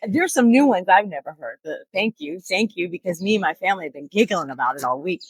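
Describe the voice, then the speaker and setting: A woman's voice: fairly low pitch, animated, fast, slightly rough, no echo, rough recording. A middle-aged woman hosting a sports picks show, chatty and joking. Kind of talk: casual chat.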